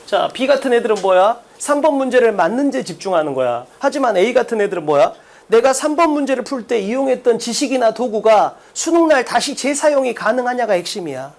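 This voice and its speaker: Brash lively Korean exam lecturer, man. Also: extremely high pitch, brisk. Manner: brash, blunt, rhetorical questions. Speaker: English test-prep lecturer.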